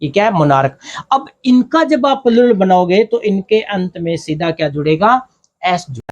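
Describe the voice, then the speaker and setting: A man's voice: sits high, moderate pace. A man with an Indian accent teaching English grammar at a board, asking questions and answering them himself, step by step. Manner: explains step by step, asks and answers his own questions. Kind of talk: blackboard grammar lesson.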